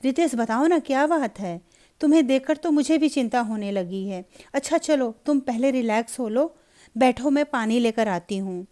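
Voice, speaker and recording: Woman voicing an anxious young wife, insistent, slightly high, mellow tone, storybook. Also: animated, moderate pace, natural voice. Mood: worried.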